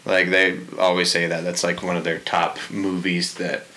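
A man's voice: sits low, completely flat delivery, normal speed, sharp tone, poor audio. A man hosting a casual podcast chat, rambling with lots of fillers and restarts. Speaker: podcast host.

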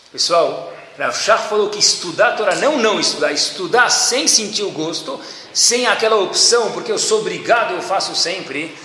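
Male Torah teacher, forceful and bright, voice ringing around a long-reverb hall. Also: on the high side, a little hiss or hum. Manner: keeps calling out to listeners and asking them questions. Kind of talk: religious lecture to a group. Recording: echoey hall with faint ambience.

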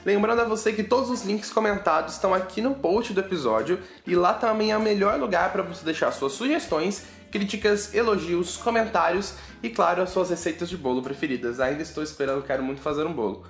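Speaking a little fast with few pauses, the host of a casual science news podcast has a high voice and a Brazilian Portuguese accent, and he chats and jokes with his listeners. Faint music plays amid a roomy echo.

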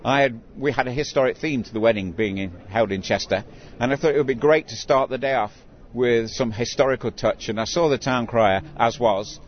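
A man's voice: medium pitch, brisk. An older man who works as a town crier, telling stories conversationally in an interview. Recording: dull recording with clear background noise.

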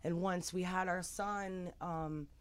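A woman's voice: lowish voice, steady tone, slow pace, no echo. A middle-aged woman talking as an interview guest, earnest and emotional, often repeating words as she goes. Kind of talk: candid interview chat.

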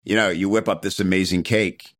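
A man's voice: sits low, fairly even intonation, fairly quick, no echo, clean studio sound. A man hosting a podcast interview, chatting casually with frequent "you know" fillers. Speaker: podcast host.

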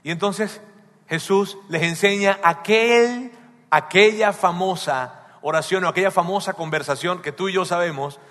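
High-voiced preacher in a reverberant church. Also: male voice, moderate pace. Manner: conversational preaching, repeats key phrases, drops to a soft hush. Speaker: pastor. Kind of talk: sermon.

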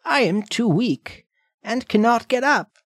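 A frail old grandmother, as a man puts her on, high and thin with a faint quaver, calling from a distance. Slow and dry, in a bedtime-story reading. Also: expressive, a bit bright, slightly rough, no echo, full character voice. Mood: feeble.

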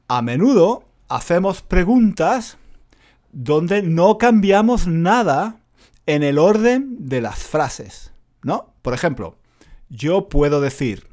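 Guy teaching, high voice, bouncy delivery, repeats himself a lot. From Spain. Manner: animated, repeats phrases, self-mocking jokes. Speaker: Spanish teacher. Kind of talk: casual spoken lesson.

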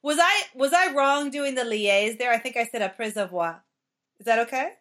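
Casting: female learner-host, native Spanish speaker, fairly high voice, chatty lesson style, keeps checking she has it right. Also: animated, a little fast, fairly bright tone. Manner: checks understanding with frequent short questions. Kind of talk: conversational language lesson.

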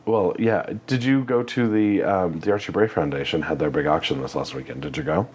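A man's voice: sits low, lively intonation, a little fast, a little mellow, slightly rough. A man chatting casually as a guest about a stage show, rambling with fillers and frequent laughs. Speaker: guest, community theater actor. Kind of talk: casual chat.

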